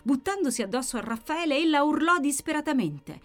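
An audiobook narrator, a woman, reads a novel aloud in a brisk voice with faint music in the background. Her narration is vivid and dramatic, expressive with sharp swings in pitch and loudness.

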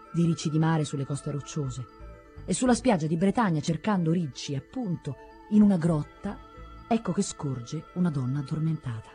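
A woman narrating an audiobook story in a measured, dramatic way. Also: low voice, warm tone.

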